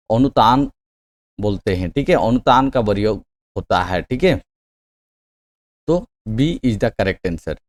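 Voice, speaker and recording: A man teaching an exam-prep lesson, reading each question slowly and loudly, then pressing students to answer quickly. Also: lowish voice. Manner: frequent "theek hai" checks. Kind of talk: quiz-style lesson.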